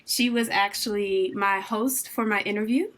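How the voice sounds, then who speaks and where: A young woman with a mid-pitched voice hosts her own channel. She welcomes viewers and introduces her guest in an upbeat, enthusiastic way, talking over a video call. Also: steady tone, normal speed, a bit bright. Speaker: channel host, interviewer. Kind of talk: casual interview intro.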